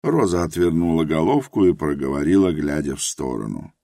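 Low-voiced guy reading an audiobook, lots of swing in his voice, dry close sound. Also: lively intonation, moderate pace, darkish tone, no echo. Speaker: narrator. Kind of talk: audiobook narration.

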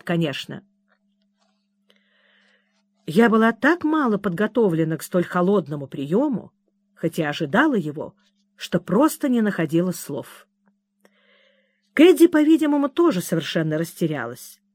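A woman narrating a classic novel in a measured storytelling manner. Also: on the low side, big pitch swings, a little mellow, dry recording. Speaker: audiobook narrator. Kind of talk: scripted narration.

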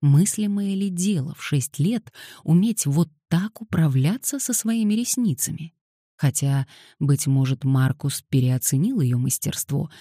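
Brief: woman audiobook narrator, deep-set and warm in tone, even wry delivery. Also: no echo, clean studio sound.

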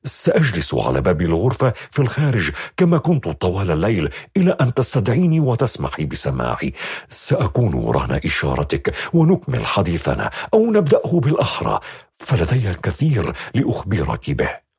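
Man doing a super polite formal young officer, deep and breathy. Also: very animated, fairly quick, darkish tone, no room sound, clean studio sound, exaggerated voice. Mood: courtly solemn. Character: courtly, devoted young male royal officer.

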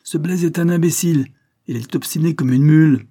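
A man voicing a sharp-tongued, domineering older spinster in an audiobook. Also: mid-range voice, animated, normal speed, pitched above the performer's own voice, natural voice. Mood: angry. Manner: scolding, domineering.

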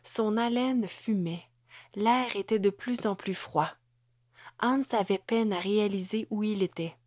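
A woman narrates a novel in a measured, even storytelling voice at a slow, deliberate pace. Her pitch sits in a middle range for a woman. The sound is dry and close to the mic, with no room around it. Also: dry recording. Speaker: audiobook narrator. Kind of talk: scripted narration.

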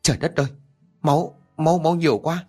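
A man's voice: expressive, brisk, husky, faint music behind. A man voicing a frightened, lazy young man who cries out in panic. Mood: scared. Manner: panicky, shrill.

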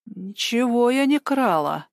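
A woman voicing a stubborn, bossy elderly woman activist who talks insistently and turns shrill when she pushes. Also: expressive, slow, gravelly, dry recording, clean studio sound, full character voice. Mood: quiet, sulky.

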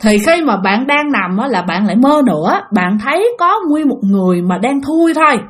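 A woman's voice: a little high, very animated, moderate pace. A woman with a Southern Vietnamese accent telling a ghost story in a conversational way, speaking directly to her listeners. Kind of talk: spoken ghost-story narration.

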